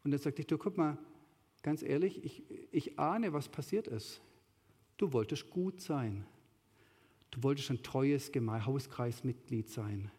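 A man's voice: mid-range voice, a little slow, warm tone, husky. A man giving a sermon with slides, talking conversationally and rising to emphatic peaks. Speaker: preacher. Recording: long hall reverb.

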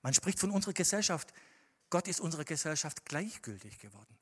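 A man preaching a sermon to a congregation, moving between quiet, measured scripture reading and loud, impassioned emphasis. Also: a little high, sing-song, slightly rough. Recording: hall with long reverb.

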